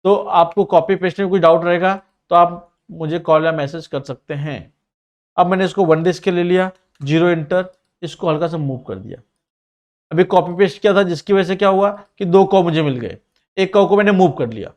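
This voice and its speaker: Students follow along as a man demonstrates a ring design in CAD software in a screen-recorded tutorial, narrating every click and command. Plain and direct, he speaks in a slightly high voice with a Mumbai Hindi accent and says he occasionally speeds up.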